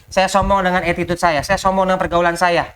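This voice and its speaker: A man's voice: high voice, quick pace, clear, resonant tone. A man giving a motivational business coaching talk to a group indoors, speaking straight to them with rhetorical questions and slipping English business phrases into his talk. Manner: lively, talks straight to the audience with rhetorical questions. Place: indoor session in a house.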